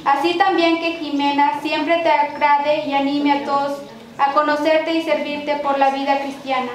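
A woman with a Mexican accent leading liturgical prayers and readings at a church mass, in a measured recited cadence with occasional restarts. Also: high-pitched, little pitch movement. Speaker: lay prayer leader. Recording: very echoey church with background noise.

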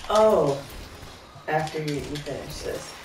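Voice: medium pitch, expressive, slow pace, slight background noise. A teasing friend chats while the others play, commenting in casual banter. The voice sits far from the mic in a roomy space, with game music behind it. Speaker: gaming friend.

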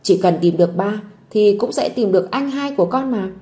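A woman's voice: medium pitch, expressive, brisk, mellow, lightly acted. A woman voicing a tender, doting grandmother comforting a child, in a storybook audio drama. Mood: soothing. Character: tender old grandmother, soothing.

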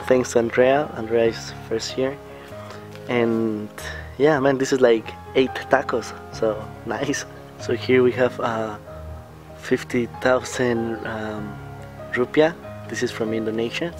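A man's voice: medium pitch, fairly even intonation, slow, music in the background. A man in his late teens, a student vlogger, chatting casually outdoors beside a building and rambling with lots of fillers and small laughs. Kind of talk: casual vlog chat.

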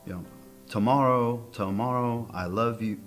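Guy acting nervous witness in a cop drama, low voice, hesitant n evasive, rambles awkwardly. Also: normal speed, a bit bright, faint music behind. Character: nervous, awkward male witness being questioned by police. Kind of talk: naturalistic screen acting, interrogation scene.

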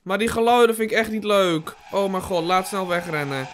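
High, bright, jumpy young man gaming. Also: normal speed, a little hiss or hum. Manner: jumpy, yelps and shouts at scares, swears, laughs nervously. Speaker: gaming YouTuber. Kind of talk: horror game let's play commentary.

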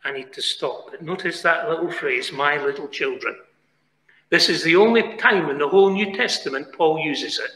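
A British man preaching a sermon in a chapel, pleading earnestly, moving from quiet asides to raised, emphatic lines. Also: fairly high pitch, normal speed. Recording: echoey chapel with long reverb.

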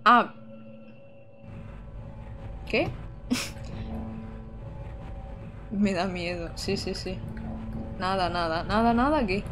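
A young woman from Almería, streaming a game live and chatting excitedly with her viewers. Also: mid-range voice, drawn-out words, pauses often, over music. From Almería, Andalusia, Spain. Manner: chatty and excitable, talks to chat, exclaims often. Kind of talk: live-streamed gameplay commentary.

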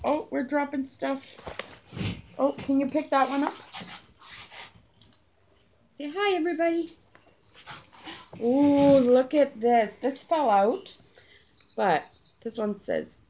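Slow, gentle woman gushing softly. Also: high voice. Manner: gentle, coaxing, gushing over details. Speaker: crafting channel host. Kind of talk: casual unboxing chat with a child. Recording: clear background noise.

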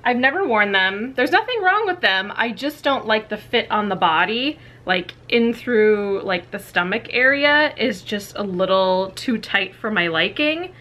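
Animated and sharp-toned, a young woman speaks at a measured pace in a medium-pitched voice, with hardly any pauses. She's in a small walk-in closet doing a casual clean-out vlog for a tripod camera a few feet away, chatty and candid with lots of "like" and "you know."

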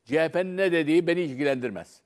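A man's voice: fairly high pitch, fast. An older man arguing as a guest on a televised political panel, insistent and repeatedly cutting in to demand that others listen. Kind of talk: heated televised panel debate. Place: TV studio.

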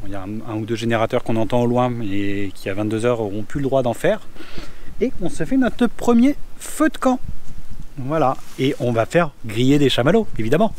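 A man's voice: mid-range voice, sing-song, a little fast, a little mellow, slight background noise. A man chatting casually to camera in a travel vlog, recorded outdoors at a campsite, easygoing and full of hesitations. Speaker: travel vlogger. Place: outdoors at a campsite, windy at times.

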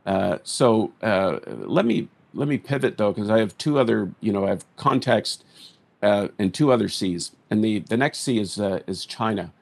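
A middle-aged man moderating a conference discussion over a video call from a home study, speaking haltingly with many fillers and restarts. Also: lowish voice, lively intonation, gravelly, a little mellow. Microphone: video call with earphone mic.

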